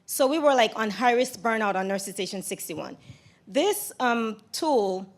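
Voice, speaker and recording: A nervous woman with a raspy, cold-roughened voice gives a conference presentation into a handheld microphone, in a halting, hesitant way. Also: a little high, expressive. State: raspy voice from getting over a cold. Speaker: nurse presenter. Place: lecture room at a podium, indoors.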